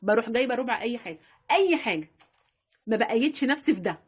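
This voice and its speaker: A woman's voice: a little high, animated, fast, husky. A woman with an Egyptian Arabic accent giving household budgeting tips in a chatty vlog, repeating phrases and talking straight to her viewers. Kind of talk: casual instructional vlog.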